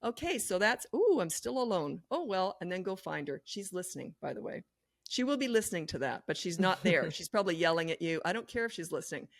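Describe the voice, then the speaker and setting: A woman's voice: on the low side, lively intonation, fast, no room sound, clean studio sound. A middle-aged woman parenting coach, blunt and emphatic, giving advice as a guest on a podcast.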